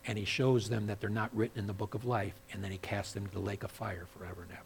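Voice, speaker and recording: Gravelly-voiced man preaching with surging emphasis. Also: flat delivery, fast, slight background noise. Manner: swings from hushed asides to loud, high-pitched emphatic scripture reading. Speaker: pastor. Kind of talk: sermon.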